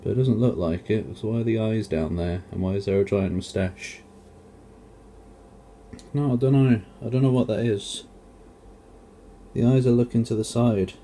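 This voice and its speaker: A man's voice: lowish voice, moderate pace, long pauses, warm tone, a little hiss or hum. A man giving casual, rambling commentary as a video host, grumbling and poking fun at himself with mild swearing. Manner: self-mocking, grumbling, mildly sweary.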